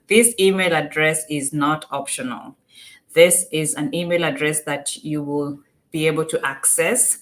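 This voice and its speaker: Her voice sits low and comes across a bit bright. The Kenyan-accented woman guides listeners through an informal on-screen process in steps, saying points again in different ways.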